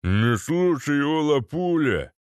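A man voicing a brutal, thick-headed male ex-paratrooper thug, growling slow and foul-mouthed. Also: fairly high pitch, sing-song, darkish tone, clean tone, no room sound, studio quality, voice pushed up. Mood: gloating.

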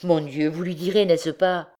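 A woman's voice: lowish voice, fairly even intonation, measured pace, mellow, natural voice. A woman reading aloud, voicing a desperate mother who pleads fervently, her voice raised above her usual tone. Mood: pleading. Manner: fervent, imploring. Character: desperate pleading peasant mother, middle-aged.

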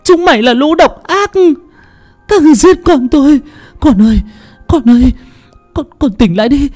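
A man reading a storybook and voicing a desperate young mother who pleads and sobs in shrill cries. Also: animated, moderate pace, a little mellow, faint music behind. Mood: grief-stricken.

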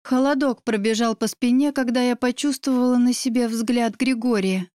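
A woman's voice: fairly high pitch, steady tone, normal speed, dark tone, dry recording, clean studio sound. A woman narrating a first-person audiobook in an emotive, dramatic reading.

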